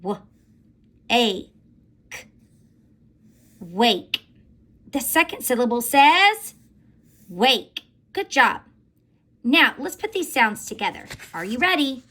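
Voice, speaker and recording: Animated high-voiced teacher woman, slow. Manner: animated, sing-song teacher voice with playful emphasis. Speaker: elementary school teacher. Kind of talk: recorded phonics lesson for children.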